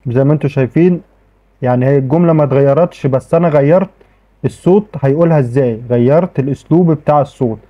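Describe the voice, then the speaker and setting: A man's voice: mid-range voice, very fast, mellow. A man with an Egyptian accent explaining a tech tutorial in a chatty way, often restarting his sentences. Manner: chatty, repeats "okay" often, frequent restarts. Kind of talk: casual screen-recorded tutorial. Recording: tinny phone-like audio.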